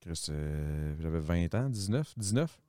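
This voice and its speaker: A man's voice: low voice, animated, warm tone, no room sound, clean studio sound. A young Québécois man with a Québécois accent, telling stories in a loose, slangy, casual podcast chat. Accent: Québécois French. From Quebec. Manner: storytelling, loose and slangy, quick laughs.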